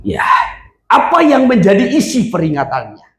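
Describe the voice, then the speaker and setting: A male pastor preaching a sermon, explaining scripture with call-and-response and rising to emphatic shouts. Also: sits high, huge pitch swings, normal speed, reverberant. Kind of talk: sermon with congregation reading verses.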